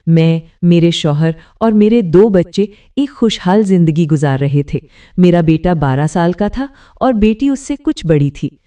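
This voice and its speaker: A mother recounting how her happy family fell into ruin, her tone mellow and dark, voiced by a woman narrator. She tells it slowly and sorrowfully, and the voice sits at some distance from the mic. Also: medium pitch, natural voice. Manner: slow, sorrowful storytelling. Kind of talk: first-person dramatic narration.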